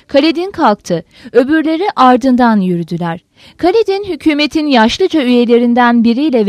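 A woman narrating a novel as an audiobook in an expressive, dramatic reading. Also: fairly high pitch, no echo.

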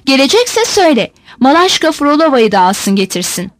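A woman's voice: sits high, big pitch swings, moderate pace, no echo, clean studio sound. A woman reading aloud voices an impatient old fisherman father barking orders at his household. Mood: bossy. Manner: bossy, impatient, commanding.

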